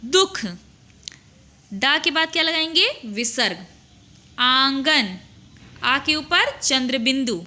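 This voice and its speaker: A woman's voice: high voice, lively intonation, slow, pauses often, sharp tone. A woman teaching Hindi to young children, drilling words syllable by syllable and asking her pupils questions. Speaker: primary school Hindi teacher. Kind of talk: slow, deliberate lesson for young children.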